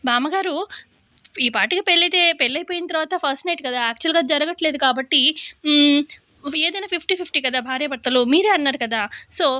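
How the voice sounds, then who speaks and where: A woman's voice: sits high, a little fast, pushed and bright, dry recording. Woman playing a sly teasing young bride, close dry mic. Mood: crafty. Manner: teasing, playful scolding.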